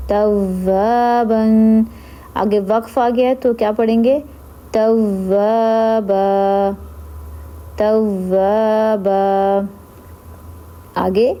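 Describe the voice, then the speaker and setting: Slow, patient woman teaching Quran reading. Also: on the high side, dark tone. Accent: Urdu. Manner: spells out letters and vowel marks, then repeats each word slowly; nasal humming on doubled letters. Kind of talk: slow spelled-out recitation lesson.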